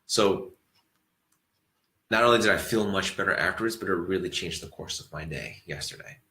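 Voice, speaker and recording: Giving a thoughtful mindfulness talk to an audience, a male acupuncturist meanders in a relaxed way, frequently circling back and restarting. He speaks at a moderate pace in a low voice with a bright, forceful edge that echoes around the room.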